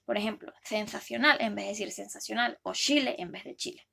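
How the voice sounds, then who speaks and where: A young woman, a first-semester university student, reading a class presentation in a careful, steady way. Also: medium pitch, fast, gravelly, breathy edge. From Venezuela. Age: young adult.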